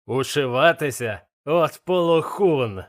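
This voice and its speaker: A man voicing a furious blind old male pirate who shouts curses at his gang in a slow, emphatic way. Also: medium pitch, natural voice.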